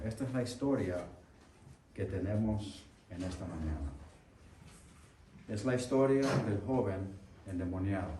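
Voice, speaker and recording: A man's voice: lowish voice, mellow, slight background noise. A male chaplain preaching in a church, putting questions to the congregation and repeating their answers. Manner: slows and rises when reading scripture aloud. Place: church sanctuary. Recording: echoey church hall, mic at a distance.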